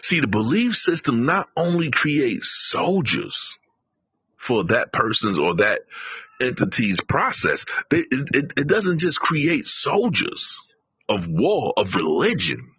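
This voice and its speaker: A man's voice: medium pitch, sing-song, slow pace, sharp tone, slightly rough, no echo, dull audio. A man hosting a live stream, preaching emphatically, repeating his phrases and swearing. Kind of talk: casual live-stream commentary.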